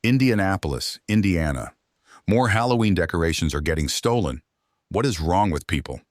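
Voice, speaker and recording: Deep-voiced male video narrator. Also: lively intonation, normal speed, dry recording, clean studio sound.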